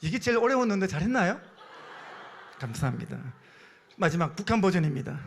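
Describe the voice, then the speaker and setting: Korean pastor guy preaching in church, high voice that swoops all over. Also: very animated, fairly quick, gravelly, a little hiss or hum. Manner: emphatic preaching with call-and-response. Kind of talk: sermon. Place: church sanctuary.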